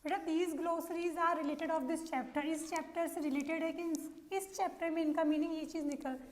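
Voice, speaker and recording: A woman's voice: extremely high pitch, fairly even intonation, normal speed. A woman teacher with an Indian accent explaining vocabulary to a class, repeating words and asking questions as she goes. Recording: roomy sound with long reverb.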